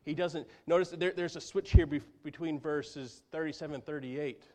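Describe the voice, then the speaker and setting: A male pastor preaching a sermon in a slightly high voice. He speaks earnestly and often falls to a near hush to stress a point. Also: moderate pace. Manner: earnest, drops to a hush for emphasis.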